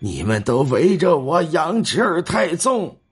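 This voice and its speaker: A man's voice: fairly high pitch, very animated, breathy edge, heavily acted. A man voicing a dying old grandfather. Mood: weak pleading. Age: older. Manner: slow, faint, pleading.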